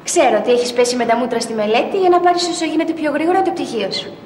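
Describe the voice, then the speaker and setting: A woman's voice: sits high, expressive, a little mellow, slight background noise. An actress playing a young woman eager for her own turn in show business, in 1980s comedy style. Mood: fond. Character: hopeful young woman, would-be performer. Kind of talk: 1980s film comedy acting. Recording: roomy film audio with long reverb.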